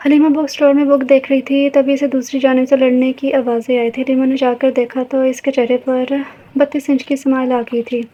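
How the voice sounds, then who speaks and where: A woman narrating a romance novel aloud in a steady reading manner. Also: sits high, muffled recording. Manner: steady reading, stops to remark on typos. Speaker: audiobook narrator.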